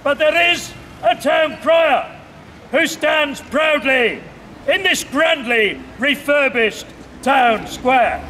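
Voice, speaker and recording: A man's voice: very high-pitched, lively intonation, slow. A man acting as master of ceremonies, announcing contestants outdoors in a projected, proclaiming voice. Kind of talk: public announcing at an outdoor event. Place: outdoor town square. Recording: distant outdoor recording with loud street noise.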